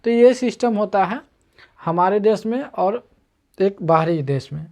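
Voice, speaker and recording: A man's voice: high-pitched, animated, measured pace, darkish tone. A man teaching an online math lesson, explaining patiently and going over each step again and again. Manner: patient, repetitive explaining, walking through steps.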